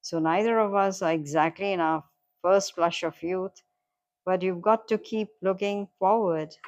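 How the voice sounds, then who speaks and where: A woman's voice: fairly low pitch, unhurried. A woman reading the lines of a cheerful retired old man who talks bluntly and coaxingly. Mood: hearty.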